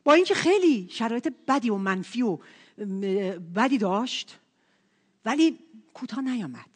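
Woman preacher, sermon, lively pitch, long hall reverb. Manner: animated, asks the congregation questions.

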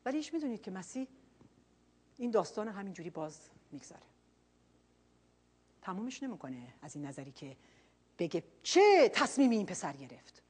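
A woman preacher giving a sermon, earnest, dropping quiet and then rising loud for emphasis. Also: medium pitch, very animated, pauses often, breathy edge.

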